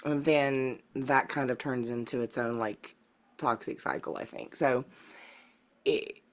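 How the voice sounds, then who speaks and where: A woman's voice: very deep voice, steady tone, measured pace. A woman with a Southern US accent co-hosting a podcast in casual chat, thinking aloud with fillers and hedges. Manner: thoughtful, hedging with fillers. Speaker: podcast co-host.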